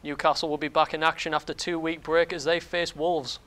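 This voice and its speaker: A male sports presenter reads scripted news at a quick clip. His voice is a touch high, and he slips over a word now and then. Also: little pitch movement, a bit bright. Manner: brisk read, occasional slips.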